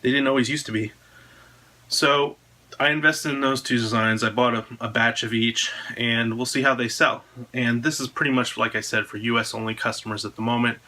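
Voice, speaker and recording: Speaking to camera from an indoor room at home, a thirty-something American man casually announces a product; he designed the drone frame and this is his own video. His delivery is brisk with a sharp tone, medium pitch, and fairly even intonation.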